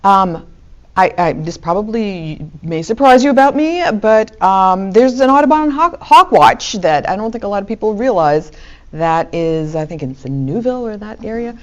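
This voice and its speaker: A woman's voice: mid-range voice, lively intonation, moderate pace. A woman with a New York accent answering panel questions earnestly, often repeating words as she starts a thought. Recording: dull lo-fi sound.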